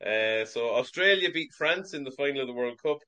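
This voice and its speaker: Guy running a sports quiz on a video call, steady, reads questions out carefully. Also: mid-range voice, a little fast. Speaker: quiz master.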